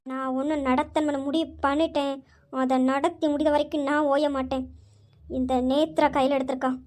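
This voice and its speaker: A woman's voice: high-pitched, flat delivery, normal speed, a little mellow, lightly acted. Woman playing a sly scheming sister. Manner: sly, plotting. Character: scheming young woman, spoiled granddaughter.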